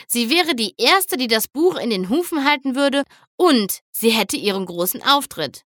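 A woman narrating a children's storybook aloud in a lively, expressive way. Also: on the high side, normal speed, dry recording, clean studio sound. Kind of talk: scripted audiobook narration.

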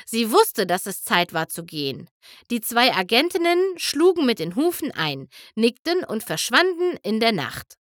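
Slow, lively woman reading a storybook. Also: a little high, no echo, clean studio sound. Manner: expressive, animated storytelling. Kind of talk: reading a children's story aloud.

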